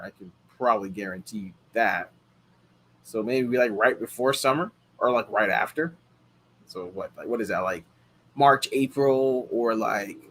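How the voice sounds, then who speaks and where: This US car rental host in his thirties fields viewers' questions in loose live-chat style, full of filler words and restarts. His medium-pitched voice sounds pushed and bright.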